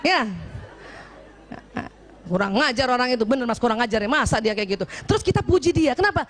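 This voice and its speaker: A woman from South Sulawesi giving a lively marriage advice talk to a women's gathering, teasing and acting out little scenes while often checking in with her listeners. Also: on the high side, fairly quick, some chatter behind, slight background noise. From Bugis, South Sulawesi.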